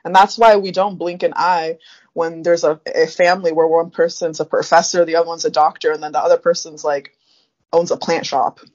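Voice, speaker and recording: A woman's voice: lowish voice, flat delivery, brisk, a little mellow, muffled recording. A young woman from Africa co-hosting a podcast, talking through her thoughts in a reflective way with plenty of fillers. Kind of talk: casual chat.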